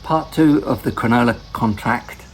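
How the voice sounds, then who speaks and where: A man hosting his own gaming channel, giving relaxed gameplay commentary and often correcting himself mid-sentence. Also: mid-range voice, moderate pace, a little hiss or hum, poor audio.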